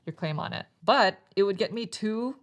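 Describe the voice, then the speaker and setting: A woman's voice: medium pitch, animated, moderate pace. A woman co-hosting a board game playthrough, chatty and friendly as she explains rules and scoring. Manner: friendly, chatty, reacts with delight.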